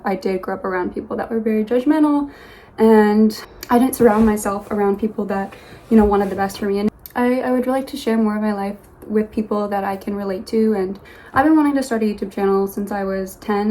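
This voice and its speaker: A young woman from Los Angeles talking casually to her phone camera from her bedroom, in a soft, rambling way with many pauses and restarts. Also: medium pitch, steady tone, rough recording. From Los Angeles, USA. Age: young adult. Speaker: vlogger. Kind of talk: casual get-to-know-me vlog. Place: her bedroom, sitting on a yoga mat.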